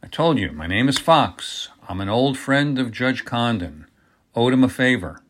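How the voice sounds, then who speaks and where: A man reading the part of a calm, hard enforcer who speaks in a dry, level, quietly menacing way. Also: mid-range voice, unhurried.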